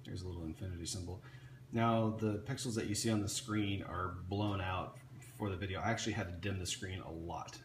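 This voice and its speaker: A man casually showing off an electronics kit he built, talking off the cuff with frequent restarts and fillers. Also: low voice. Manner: rambling, many restarts and fillers. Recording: echoey room with faint ambient noise.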